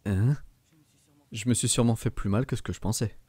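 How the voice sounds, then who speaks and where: A man voicing a scrappy, wary young male street thief in amateur animated film dubbing. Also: lowish voice, brisk, noisy background, close to an everyday voice. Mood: dazed, incredulous.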